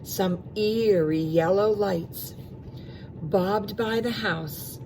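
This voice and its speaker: Reading very slowly in a mid-range voice, a woman animates a storybook for young children, drawing out sound words and slipping in asides to them. The low-quality recording carries a little hiss or hum.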